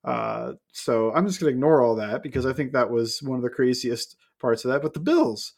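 A man's voice: medium pitch, fairly quick, gravelly. A man co-hosting a sports podcast, talking casually and opinionatedly, firing off rhetorical questions. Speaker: podcast co-host.

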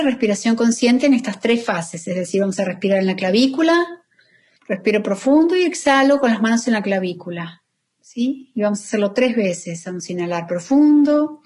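Calm woman therapist guiding breathing. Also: mid-range voice. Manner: calm, soothing, slowing down for guided phrases. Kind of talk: guiding a breathing exercise in an interview.

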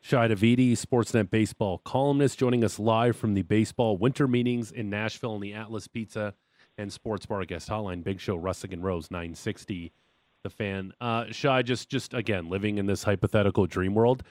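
A man's voice: fairly low pitch, fairly even intonation, normal speed, darkish tone, no room sound. A man interviewing a guest on live sports radio.

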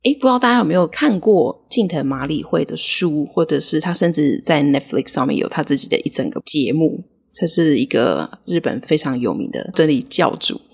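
A woman with a low, husky voice talks in Taiwanese Mandarin as a podcast co-host. She teaches English vocabulary in a relaxed lesson style. She breaks each word down slowly and plainly. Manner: explains words slowly and clearly. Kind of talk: casual language lesson.

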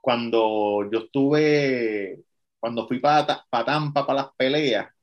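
A man's voice: mid-range voice, slow, dull audio. A man co-hosting a podcast, chatting and cursing casually. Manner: profane, chatty recounting. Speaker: podcast co-host. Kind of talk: casual chat.

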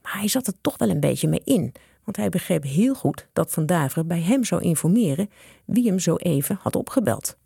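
A woman reading a children's story aloud in a lively narrating manner. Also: lowish voice, normal speed, gravelly, breathy edge, dry recording, studio quality. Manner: lively, with character voices.

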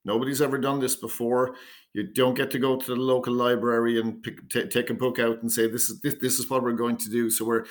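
A man of middle pitch speaks as a company founder in an interview. He explains at an even pace, now and then repeating a word as he restarts a phrase. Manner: measured pitch, repeats words when starting phrases. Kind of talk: business interview answers.

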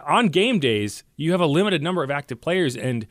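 A man hosting a sports podcast breaks down players in casual, chatty yet analytical talk, often checking in with "right?". His voice is a little high, very animated and a little fast, recorded at studio quality with no echo.

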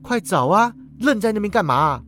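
A man doing a sharp, cold swordswoman. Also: high-pitched, animated, a little fast, a little hiss or hum, pitched above the performer's own voice. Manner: clipped, accusing, cold. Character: sharp, ruthless young swordswoman. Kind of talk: storybook character voice.

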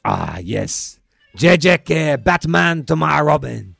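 A man's voice: fairly high pitch, very animated, takes it slowly, gravelly, a bit bright, dry recording, clean studio sound, soft background music, pitched above the performer's own voice, full character voice. A man voicing a pompous, crude, worldly ex-footballer with a grandiose manner. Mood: florid. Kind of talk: comic character phone bit.

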